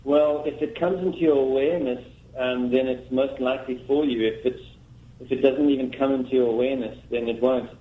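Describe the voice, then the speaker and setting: A man talks from a room at home in a slow, measured, teacherly way, his voice ringing with a strong echoey room sound. The line comes through a little dull and muffled, like a remote call. He sounds like a guest explaining his method on an interview show. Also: mid-range voice, steady tone. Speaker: guest, founder of a self-help method.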